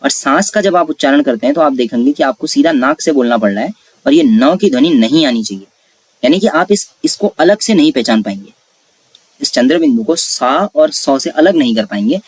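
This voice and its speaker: This man teaches Hindi grammar for exam preparation, working through it step by step and answering the questions he poses himself. He speaks briskly in a mid-range, slightly rough voice with lively intonation, and the classroom lesson has no echo.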